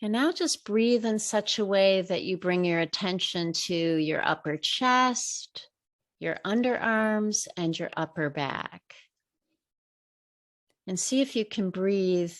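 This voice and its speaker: A middle-aged woman leading a guided meditation, giving slow, gentle breathing and relaxation instructions. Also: mid-range voice.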